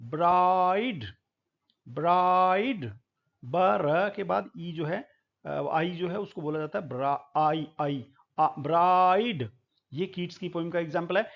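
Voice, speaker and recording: A man, a literature professor, giving a classroom lecture, explaining slowly and repeating words over and over, with English terms mixed in. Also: a little high, creaky. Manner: mixes English terms into Hindi. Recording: dull lo-fi sound.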